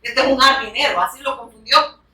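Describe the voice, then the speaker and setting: A woman's voice: on the high side, fairly quick, sharp tone. A woman preaching a sermon to a congregation, speaking emphatically, urging her listeners to look closely and punctuating her points with amen. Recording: echoey room, voice picked up from a distance.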